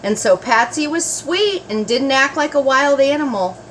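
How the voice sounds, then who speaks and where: An older woman, a grandmother, reads a children's story aloud to her grandchildren slowly and expressively, adding asides to the little ones in a grandmotherly way. Her voice is high-pitched, and the rough recording carries a little hiss or hum.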